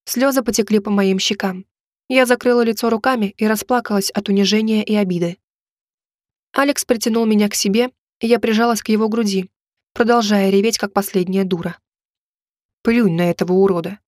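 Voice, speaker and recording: A woman's voice: mid-range voice, fairly quick, dry recording. Woman narrating an audiobook, dry sound. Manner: expressive storytelling delivery. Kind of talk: scripted first-person narration.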